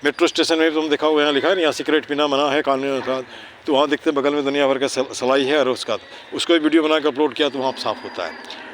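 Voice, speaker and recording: Outdoors near a city park, a neighbourhood cleanliness volunteer casually teaches children, mixing English words and phrases into his Hindi. His slightly high, steady voice runs fast over a little hiss or hum, as he recites rhyming slogans and keeps checking understanding with tag questions.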